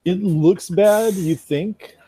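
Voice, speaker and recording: Mellow-voiced man running a tabletop game. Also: sits high, breathy edge. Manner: relaxed, measured narration with casual fillers. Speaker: game master.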